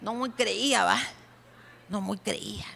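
A woman pastor preaching a sermon, speaking animatedly and directly to the congregation, at times breaking into shouts. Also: medium pitch, slow, creaky. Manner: animated, addresses listeners directly, bursts into shouts.

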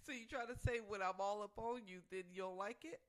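A woman's voice: medium pitch, quick pace. A woman co-hosting a talk show, giving casual relationship advice in an earnest, emphatic way and restating her points.

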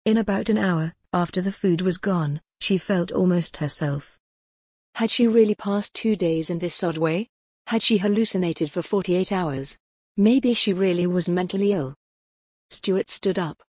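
A woman reading a gothic novel aloud as an audiobook narrator, in a measured storytelling manner. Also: fairly low pitch, darkish tone, slightly rough, no echo, studio quality. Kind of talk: scripted narration.

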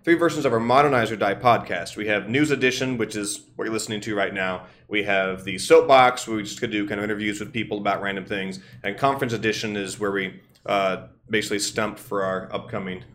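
A man's voice: on the low side, brisk, a bit bright, a little hiss or hum. A man co-hosting a podcast, chatting in a jokey, colloquial and teasing way. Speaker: podcast co-host. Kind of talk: casual, joking podcast chat.

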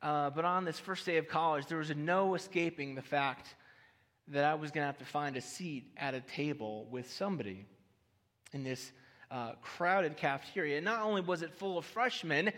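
A man's voice: fairly high pitch, normal speed, a bit bright. A man preaching a sermon, telling a personal story with light humor and talking directly to the audience. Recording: reverberant hall.

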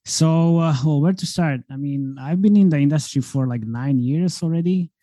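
A man from Slovakia chats easily as an interview guest, filling pauses and laughing often. His voice is very dark and mellow. The sound is dry and close, as on a video call from a room at home. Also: a little high, dry recording. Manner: relaxed, chatty, laughs often, many fillers. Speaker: guest, marketing consultant. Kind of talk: casual interview talk.

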